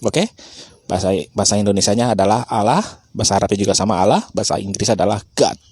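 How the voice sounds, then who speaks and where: Male host, low husky voice, argumentative and explanatory. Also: quick pace, dry recording, studio quality. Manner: argumentative, rhetorical questions. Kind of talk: casual explanatory talk.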